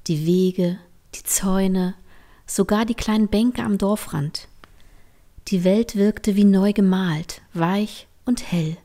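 Woman storyteller, bedtime story, soft whispery reading, very slow, mid pitch. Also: fairly even intonation. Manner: soft, often whispered narration.

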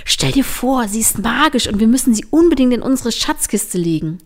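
Give me a woman doing an excited, playful storybook girl full of adventure. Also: medium pitch, normal speed, close to an everyday voice. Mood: eager. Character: cheerful adventurous young woman, Line.

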